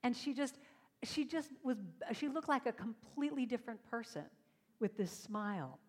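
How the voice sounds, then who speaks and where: A woman speaks to a congregation, telling stories in an animated way and acting out the voices of the people in them. Her voice sits fairly high. A long reverb trails after her words, as in a large hall. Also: moderate pace, slightly rough. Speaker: singer and speaker at a church service. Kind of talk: storytelling talk to a congregation.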